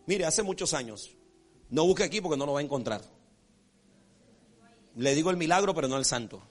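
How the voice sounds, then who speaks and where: A man preaching a sermon as pastor, folksy and animated, acting out characters and checking in with his congregation. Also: fairly high pitch, fairly quick. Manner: repeats rhetorical check-ins with the congregation.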